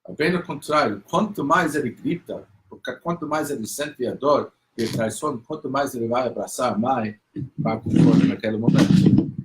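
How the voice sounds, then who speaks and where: A man's voice: mid-range voice, moderate pace, background noise. A man teaching a class on faith, telling a story and acting out the people in it. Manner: animated storyteller, acts out child and mother in raised voices. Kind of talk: storytelling lesson.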